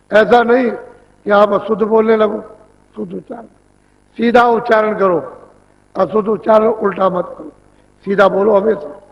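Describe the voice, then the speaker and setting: A man giving a devotional sermon as a spiritual teacher, instructing in a plain, repetitive way. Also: high-pitched. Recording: dull lo-fi 1990s tape recording.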